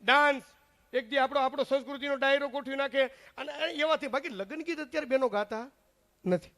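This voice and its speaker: A man's voice: very high-pitched, fairly quick, a bit bright. A man doing live stage comedy, chatting straight to the crowd. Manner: chatty, addresses the crowd directly. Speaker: stand-up comedian and mimic.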